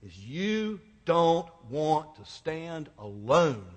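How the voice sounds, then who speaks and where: A man's voice: a little high, big pitch swings, very slow. A man delivering a sermon to a congregation in a colloquial, conversational way, repeating phrases for emphasis. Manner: emphatic repetition for effect. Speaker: preacher. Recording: echoing hall, long reverb.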